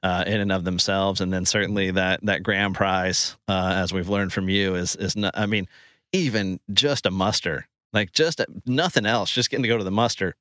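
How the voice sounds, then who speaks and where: A man's voice: low-pitched, fairly even intonation, moderate pace, sharp tone, dry recording, studio quality. A man hosting a podcast, recorded inside a closet, chatting casually and repeating words as he thinks. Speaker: podcast host.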